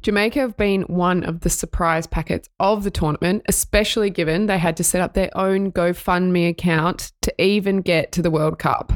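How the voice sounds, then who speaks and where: A woman's voice: on the low side, steady tone, moderate pace, hardly any pauses, no room sound. A woman co-hosting a women's sports podcast, reading news items and laughing often. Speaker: podcast co-host. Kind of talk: casual sports podcast chat.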